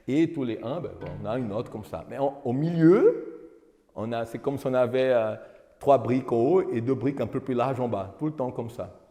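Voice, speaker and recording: A man's voice: mid-range voice, moderate pace, mellow. A man giving a lecture, explaining rhythm by counting beats, with frequent restarts, and now and then singing verses to illustrate. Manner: explains with counting and sung examples, many restarts. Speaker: lecturer and singer demonstrating cantoria. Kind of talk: lecture with sung guitar demonstration. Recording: lecture hall with long reverb, guitar.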